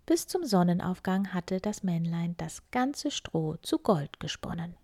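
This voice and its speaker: Woman storyteller reading a fairy tale: slow, hushed, breathy, recorded dry. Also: on the low side, animated, no echo. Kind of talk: fairy tale read aloud.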